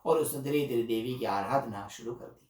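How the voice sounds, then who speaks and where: A man's voice: medium pitch, brisk, a little mellow. A man narrating a devotional story as a religious storyteller, earnestly exhorting his listeners. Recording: roomy hall, distant mic.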